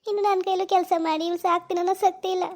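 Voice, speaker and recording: A grieving old village aunt in a cartoon, played by a woman, lamenting and tearful, her voice very high-pitched. She speaks, with heavy sighs of "ayyo". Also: little pitch movement, racing. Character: elderly village aunt mourning her sister. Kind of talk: cartoon voice acting.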